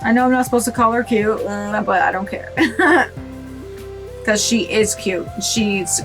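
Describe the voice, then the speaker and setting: A woman's voice: fairly high pitch, slow pace, music in the background. A young woman gushing and giggling through casual game commentary, teary-eyed. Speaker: gaming video creator. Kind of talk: casual let's play commentary.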